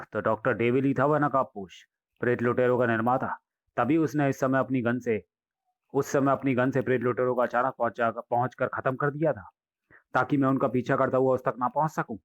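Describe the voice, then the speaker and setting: A man's voice: mid-range voice, brisk, dry recording, highs cut off, lightly acted. A man doing a worried ghost thinking aloud. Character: male ghost hero, realizing and worried.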